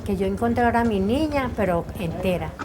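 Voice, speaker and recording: A woman giving slow, grieving testimony as a mother searching for her daughter. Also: medium pitch, animated, noisy background. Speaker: bereaved mother interviewee. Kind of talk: emotional testimony.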